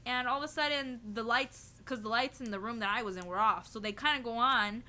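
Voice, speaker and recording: A young woman with a fairly high-pitched voice briskly tells a story to the camera for her vlog. She's chatty and giggly, filling the animated retelling with "like" and "you know" and laughing along the way.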